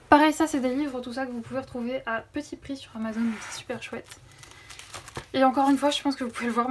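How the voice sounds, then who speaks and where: A woman's voice: on the high side, slight background noise. A young woman chatting enthusiastically through a coloring book haul, with many fillers. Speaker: coloring vlogger. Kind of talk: casual haul vlog. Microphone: phone camera.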